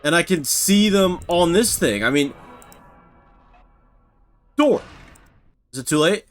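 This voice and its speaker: Soft music plays behind a man with a fairly high voice who takes his time narrating a let's-play. This gaming YouTuber's commentary is loose, rambling and self-deprecating, and he's excitable, prone to startled yelps and shouts.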